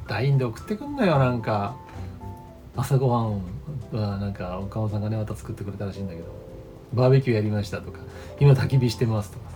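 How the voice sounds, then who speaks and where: Fifties male host, loose rambling chat with laughs, lively delivery over soft background music. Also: lowish voice. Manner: rambling, laughs often, self-deprecating asides. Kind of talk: casual solo chat.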